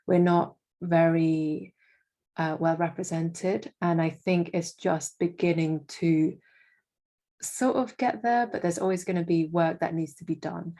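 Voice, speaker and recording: Young woman guest, low and even in pitch, hesitant and full of fillers. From Indonesia. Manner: hesitant, many fillers and restarts. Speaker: guest, freelance marketing manager. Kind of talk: casual interview.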